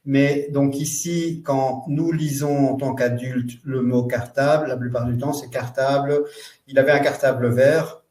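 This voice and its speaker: A man's voice: mid-range voice, fairly even intonation, a little mellow, recorded from a distance. Man giving a roomy webinar lesson. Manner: loose, halting explanation with many fillers and restarts. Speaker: presenter of a parents' training webinar. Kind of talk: live online webinar presentation. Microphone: computer mic in a webinar. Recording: roomy echo.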